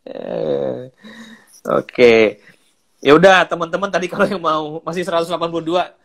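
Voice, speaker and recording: Male host, casual, teasing, a touch high-pitched. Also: normal speed, creaky, fairly bright tone. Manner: teasing, laid-back interjections. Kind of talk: casual chat.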